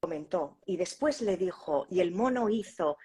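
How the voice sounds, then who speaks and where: Husky woman telling a tale. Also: lowish voice, moderate pace. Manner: lively storyteller, many tag questions. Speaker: co-host. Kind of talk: casual chat about storytelling.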